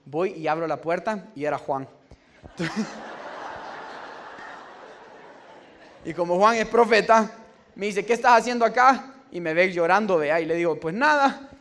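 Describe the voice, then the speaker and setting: Man preaching, lively storyteller. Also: high-pitched, takes it slowly, long pauses, slight background noise. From El Salvador. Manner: storytelling with humor and laughs. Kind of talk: sermon.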